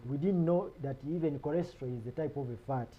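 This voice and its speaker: A man's voice: a little high, fast talker, narrow, tinny audio, a little hiss or hum. A man hosting a TV studio talk, who murmurs agreement and helps finish his guest's sentences. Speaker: TV show host. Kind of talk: interview hosting.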